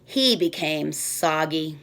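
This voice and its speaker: Slow, expressive woman reading a storybook. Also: sits low. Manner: slow, expressive, sing-song. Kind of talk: reading a children's picture book aloud.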